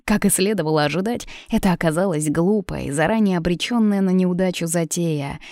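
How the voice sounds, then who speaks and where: Low, gravelly woman narrator. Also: fairly quick, darkish tone, dry recording, studio quality. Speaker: audiobook narrator. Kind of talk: scripted narration.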